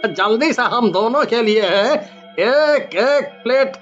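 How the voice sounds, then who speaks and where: A cheerful village man in a storybook, played by a man, with a high, bright voice. He speaks slowly and heartily and savours every word. The audio is a little dull and lo-fi, and faint music plays behind him. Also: expressive, heavily acted. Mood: delighted.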